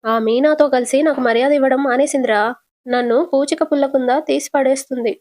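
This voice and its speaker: Woman narrator doing a meddling middle-aged mother-in-law: high-pitched, indignant, sharp-tongued, dry close mic. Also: fairly even intonation, a little fast, no echo, close to an everyday voice.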